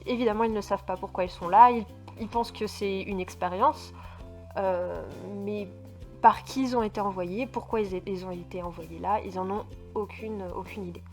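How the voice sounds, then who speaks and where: A woman's voice: medium pitch, moderate pace, darkish tone, faint music behind. A woman from France chatting casually about books in a vlog, stumbling and restarting often with lots of fillers, and speaking emphatically about her feelings. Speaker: book vlogger. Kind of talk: casual book review chat.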